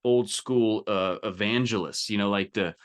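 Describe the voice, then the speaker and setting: A business coach leads a group training call, giving an informal, emphatic live talk that is direct, colloquial and salesy, often checking in with listeners. His voice is lowish and his pace moderate.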